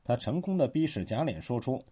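A man reading scripted literary commentary in a measured way, with expressive pitch. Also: husky. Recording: dull lo-fi recording.

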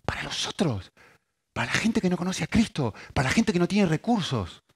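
A man with an Argentine accent preaching a sermon, alternating loud, emphatic repetition with quiet storytelling. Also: on the high side, sing-song, fairly quick, breathy edge. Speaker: pastor.

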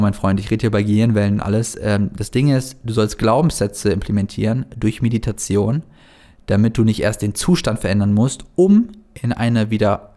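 A man with a slightly low voice rushes through a casual motivational monologue, speaking straight to the listener. He sounds earnest and encouraging and talks at a quick clip. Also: dark tone. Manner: fast-talking, earnest, addresses the listener directly. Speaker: self-help coach.

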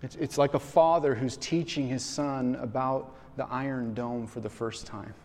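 Pastor guy preaching, acts out the voices, trips over words, mid pitch, long reverb from the hall. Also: moderate pace. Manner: animated storytelling, acting out quoted voices; stumbles and repeats words. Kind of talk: sermon. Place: large room in a school.

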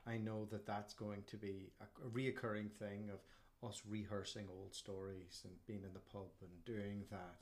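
Gravelly Irish man hosting a podcast. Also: lowish voice, level tone, moderate pace, hardly any pauses. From Ireland. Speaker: podcast host. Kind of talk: casual conversational interviewing.

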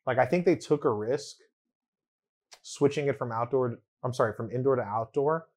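A man's voice: medium pitch, moderate pace, a little mellow. A young man chatting casually in a loose, slangy, giggly way. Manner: slangy, loose, giggly when telling stories. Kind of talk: casual chat.

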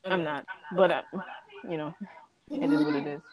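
A woman's voice: sits low, fairly even intonation, normal speed, noisy background. A young woman in casual chat with a friend, teasing and blunt, laughing often.

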